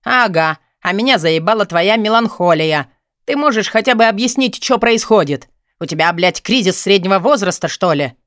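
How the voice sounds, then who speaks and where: A man voicing a pushy, crude, excitable young man in an audiobook, raising his voice and pitch to badger a friend. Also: moderate pace, few pauses, no room sound, studio quality. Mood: exasperated. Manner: eager, crude, insistent.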